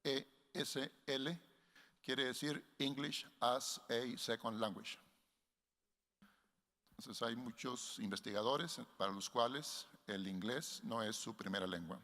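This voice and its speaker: A man giving a workshop lecture to researchers in a measured way, often restarting phrases and linking ideas with "entonces". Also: medium pitch, pushed and bright. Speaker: workshop instructor. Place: conference hall. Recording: long hall reverb.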